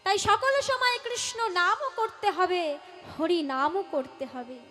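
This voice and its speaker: A young woman from West Bengal giving a devotional kirtan discourse, reciting Sanskrit verses in a slow, measured preaching manner. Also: very high-pitched, sing-song, pushed and bright, faint music behind. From West Bengal, India. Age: teenager. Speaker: kirtan singer.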